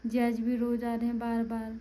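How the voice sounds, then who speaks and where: A woman's voice: a little high, completely flat delivery, a little fast, mellow, rough recording. A woman with a Pahadi accent chatting to viewers in a casual home vlog, turning to coo at a baby. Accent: Pahadi Hindi. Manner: talks to viewers, then coos to a baby. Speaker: family vlogger. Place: home, indoors.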